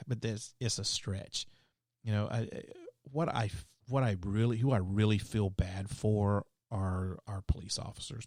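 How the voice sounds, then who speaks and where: Hosting a solo podcast, a man talks loosely and with strong opinions, filling his speech with fillers and restarts. His voice is on the low side and darkish, recorded clean in a studio with no echo.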